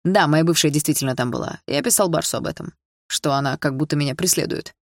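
A woman's voice: low voice, fast, no echo, clean studio sound. A woman doing a sullen grieving teenage boy. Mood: defensive.

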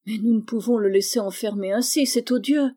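A woman's voice: fairly high pitch, fairly quick, warm tone, close to an everyday voice. A woman voicing a distraught young wife who pleads urgently for her husband in a read-aloud novel. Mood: pleading.

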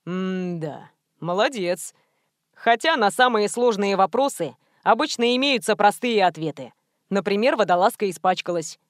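A woman's voice: medium pitch, animated, moderate pace, no echo, studio quality, natural voice. Stern detective chief, read by a woman, male, sardonic scolding, audiobook. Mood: sarcastic. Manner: sarcastic, chiding. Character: sardonic male special-department boss, stern and impeccable. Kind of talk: audiobook character voice.

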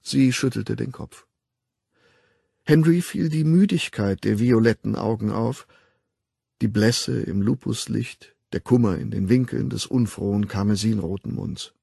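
A man narrating an audiobook in an expressive, measured storytelling manner, close to the mic. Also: lowish voice, vocal fry, slightly rough, no echo.

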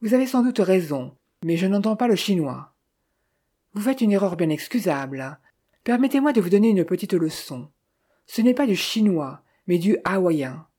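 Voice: medium pitch, mellow, natural voice. A reader voicing a patient, courteous middle-aged detective in an audiobook, speaking with formal, ornate politeness.

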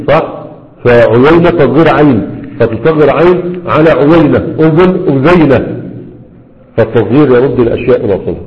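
A man teaching a grammar lesson, who asks his students questions and answers them himself. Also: mid-range voice. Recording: dull lo-fi with long hall reverb.

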